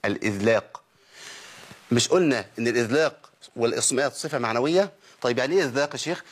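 Egyptian man, recitation teacher, quick husky delivery; asks and answers his own questions, models sounds for the class to copy. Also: mid-range voice. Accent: Egyptian Arabic. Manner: poses questions and answers them himself, models sounds for repeating. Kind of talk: recorded tajweed lesson.

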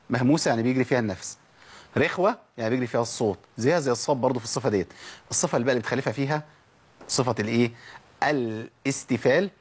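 A man's voice: mid-range voice, slightly rough. A man with an Egyptian accent teaching a tajweed lesson, asking rhetorical questions and drilling letter sounds aloud. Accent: Egyptian Arabic. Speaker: Quran recitation teacher.

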